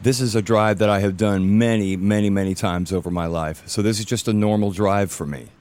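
A man telling a personal story for a podcast, measured, in short scene-setting phrases. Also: lowish voice, fairly even intonation, darkish tone. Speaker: guest storyteller, musician.

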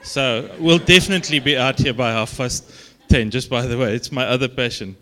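A man from South Africa with a broad Afrikaans accent, giving an informal sermon as a guest preacher in a halting, conversational, self-deprecating way. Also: medium pitch, bright, forceful tone.

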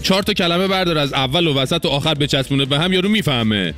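A man's voice: a little high, expressive, fairly bright tone, soft background music. A man hosting a show with mocking satirical commentary in a colloquial, sarcastic manner. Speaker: host.

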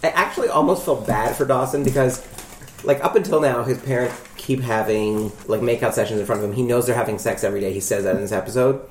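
A man's voice: medium pitch, quick pace, slight background noise. A man co-hosting a podcast in a casual, joking chat, recapping with put-on quotes. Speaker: podcast co-host. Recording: roomy echo.

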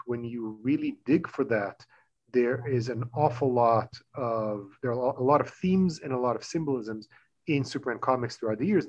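A man's voice: mid-range voice, darkish tone, husky. A middle-aged man from Israel, a guest author explaining his research in a fluent, lecturing way. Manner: fluent, lecturing, quick bursts. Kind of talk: explanatory interview talk. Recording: dull lo-fi audio.

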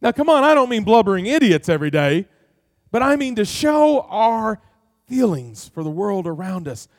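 Middle-aged pastor, unusually high male voice, dry close sound, earnest folksy sermon full of questions. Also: big pitch swings, moderate pace, dry recording. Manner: earnest preaching with many rhetorical questions; folksy, tells family stories.

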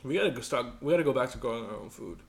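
A man in loose podcast banter, quick with a joke and free with swearing. His voice has a gravelly, creaky edge at a middle pitch. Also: expressive. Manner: joking, profane banter. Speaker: podcast co-host. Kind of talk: casual chat.

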